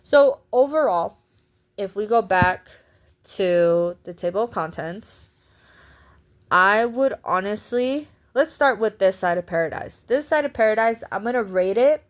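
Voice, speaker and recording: Woman vlogger chatting about a book she loved, rambly, laughs a lot, mid-pitched voice. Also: lively intonation, measured pace. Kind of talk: casual vlog review.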